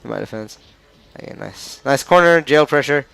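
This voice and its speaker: A man's voice: mid-range voice, lively intonation, normal speed, gravelly, fairly bright tone, clear, resonant tone, dry recording. A man with an Australian accent giving casual analysis of a fighting game match, chatty and often stumbling over the players' names.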